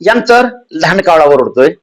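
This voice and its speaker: Over a rough recording, this man from Sangli district in Maharashtra, a retired soldier, answers interview questions earnestly in a fairly high, very animated voice at normal speed. He keeps repeating and restarting phrases and rises when emphasizing a point.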